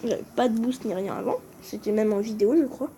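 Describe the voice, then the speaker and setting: A woman with a fairly high, mellow voice talks quickly through a game video in casual commentary, though she hesitates and frequently botches names before correcting them. She's a gaming video creator using phone screen recording, with slight background noise.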